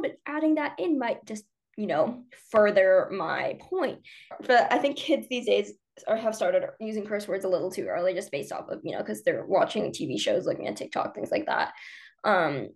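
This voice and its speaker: Young female podcast co-host, animated delivery with fry, casual. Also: medium pitch, normal speed. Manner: chatty, many fillers. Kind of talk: casual debate chat.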